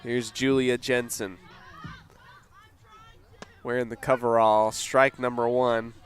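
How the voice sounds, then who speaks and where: A man doing play-by-play for a local radio softball game, calm and unhurried with casual fillers, lifting his voice on big plays. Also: mid-range voice, faint music behind. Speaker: play-by-play announcer.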